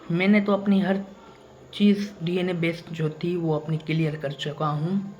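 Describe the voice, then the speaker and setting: A man's voice: a little high, level tone, a little slow, darkish tone, slight background noise. A man from Pakistan, talking casually to camera as a YouTuber, emphatic and repeating himself. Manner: repetitive and emphatic, circles back to the same points. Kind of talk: casual vlog monologue.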